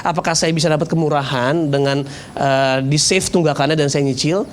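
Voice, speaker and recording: High-voiced joking male pastor. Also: a little fast, a little hiss or hum. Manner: lively, joking, self-mocking. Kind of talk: storytelling sermon.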